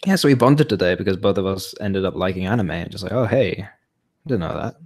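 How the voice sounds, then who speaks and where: With a low-pitched, slightly mellow and expressive voice, a young man talks fast while co-hosting a podcast. His casual chat wanders, and he is self-deprecating, frequently laughing at himself.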